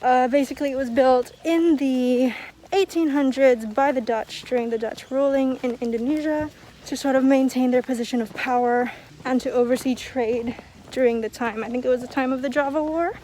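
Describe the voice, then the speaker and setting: A woman's voice: sits high, fairly even intonation, moderate pace, mellow, a little hiss or hum, poor audio. A young woman in her twenties chatting casually on a travel vlog, giggly and self-deprecating, filmed on a handheld camera. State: out of breath. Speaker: travel vlogger. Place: outdoors on a road trip, touring sites.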